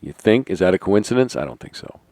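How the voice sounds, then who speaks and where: A middle-aged man holding a conspiratorial monologue, asking rhetorical questions and sinking into quiet asides. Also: deep voice, very animated, fast talker, no room sound. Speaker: channel host. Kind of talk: monologue to camera.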